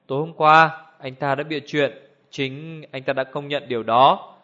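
A man voicing a blunt middle-aged male ex-policeman who talks forcefully and accusingly, on a dull lo-fi recording. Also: a little high, fairly even intonation, moderate pace.

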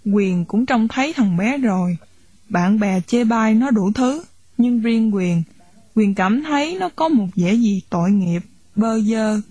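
A woman reading a novel aloud in a steady storytelling voice. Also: on the high side, unhurried, husky, dry recording. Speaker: audiobook narrator.

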